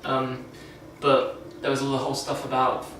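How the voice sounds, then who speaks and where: In a completely flat delivery at a moderate pace, a young man with a mid-range, slightly bright voice shaves while casually vlogging a rambling film review. He talks loosely, restarts a lot and uses dry sarcasm. There's a little hiss or hum, the room is echoey, and the mic is far away.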